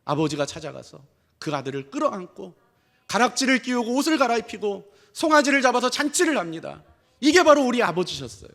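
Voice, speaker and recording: Male pastor, very high and lively voice, animated sermon with rhetorical questions, long church-hall reverb. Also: fairly quick, gravelly. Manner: animated preaching with rhetorical questions and frequent affirming fillers. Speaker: senior pastor. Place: church sanctuary.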